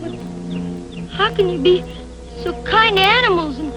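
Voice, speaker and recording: A high, lively girl on a 1950s TV broadcast. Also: moderate pace. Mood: earnest. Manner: eager, stammering when flustered. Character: earnest young girl, kind and quick to defend. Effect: 1950s TV broadcast soundtrack. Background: loud music score.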